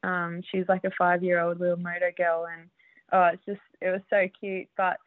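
A woman's voice: fairly low pitch, little pitch movement, normal speed, no room sound. Chatty Australian woman on a tinny line. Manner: chatty, laughs often, lots of fillers. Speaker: guest, motocross rider. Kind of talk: casual interview. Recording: dry tinny phone-like line.

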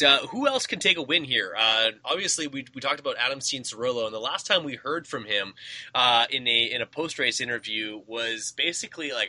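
A young man hosts a casual motocross radio show, his voice very bright and forward. He rambles through fillers and restarts, recorded dry and close. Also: mid-range voice, no room sound. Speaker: podcast host.

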